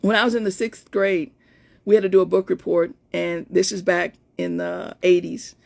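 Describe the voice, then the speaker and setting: A woman's voice: on the low side, level tone, normal speed, vocal fry. A woman of about fifty with an in-between, not very feminine voice, telling a personal story in a chatty live stream as a coach. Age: 50s. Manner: storytelling, chatty, many restarts. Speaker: life coach. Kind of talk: casual live-stream talk to viewers.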